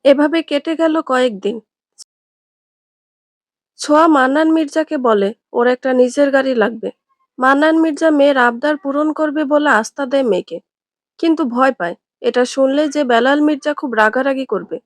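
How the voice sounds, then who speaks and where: High-voiced woman narrating a story. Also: moderate pace, no room sound.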